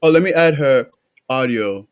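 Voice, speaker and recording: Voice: medium pitch, expressive, normal speed, no echo. A speaker in casual group chat, throwing in blunt, slangy interjections.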